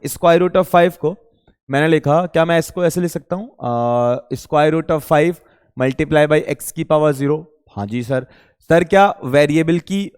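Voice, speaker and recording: A man's voice: fairly high pitch, darkish tone, smooth. A man coaching students in maths for an entrance exam, informally asking questions aloud and answering them himself. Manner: informal, addresses students directly. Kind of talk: exam-prep lecture. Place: coaching classroom. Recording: reverberant room.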